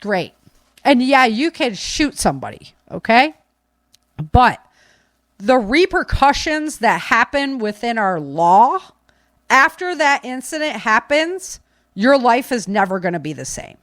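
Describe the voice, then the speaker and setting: High-ish, a bit bright, and very animated, a woman's voice moves a little slowly in a studio-quality recording with no room sound. On her preparedness and self-defense podcast she talks casually and opinionatedly, insisting on firm advice and repeating key phrases.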